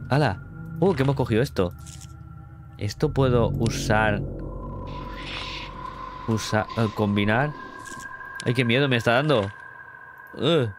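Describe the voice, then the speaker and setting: A man's voice: mid-range voice, slow, pauses often, over music. A man from Spain with a Spanish accent, streaming a horror game, reading its text aloud and reacting with startled exclamations. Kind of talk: casual let's play commentary.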